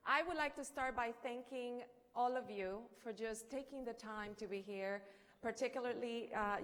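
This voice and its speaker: Lady giving a keynote, high voice, big hall echo, chatty storytelling, asks the crowd questions. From Colombia. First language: Spanish. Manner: animated storytelling with rhetorical questions and humor. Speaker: keynote speaker. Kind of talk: conference keynote speech. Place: conference hall. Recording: long hall reverb.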